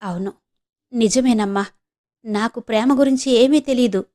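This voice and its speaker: A woman's voice: a little high, moderate pace, lightly acted. A woman voicing an unmarried elder sister who is a doctor, questioning firmly and speaking heavily, in a storybook reading. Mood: hurt. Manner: firm questioning, then soft and heavy.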